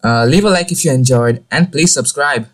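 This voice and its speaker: A young man commentating his mobile game play, excitable and jokey, with many exclamations. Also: mid-range voice, normal speed. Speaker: gaming channel host.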